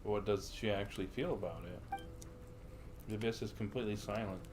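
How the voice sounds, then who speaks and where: Speaking a little fast, this streamer has a lowish voice and comments to himself while reading game lines aloud during a livestream. There's background noise from the game music.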